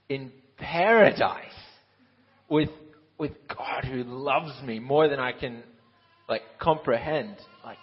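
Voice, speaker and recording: Recorded in lo-fi sound, a medium-pitched, slightly rough voice belongs to a twenty-something Bible college student raised in Ukraine. He's self-deprecating and laughs a lot, restarting often as he moves from an interview to preaching on a church stage.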